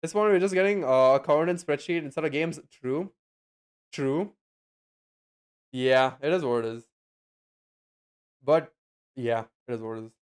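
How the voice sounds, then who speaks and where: Late at night, a young man chats loosely with his stream viewers and reads their messages, his talk full of fillers and offhand swearing. His voice is fairly high, clear and resonant. He speaks unhurriedly and pauses often.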